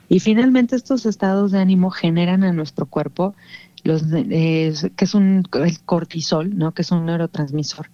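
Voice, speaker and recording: Woman, low and mellow voice, dry dull lo-fi sound, patient explainer. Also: dry recording. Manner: patient, explaining with many rhetorical "¿no?" tags. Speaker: guest speaker on emotional topics. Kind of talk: explanatory conversation.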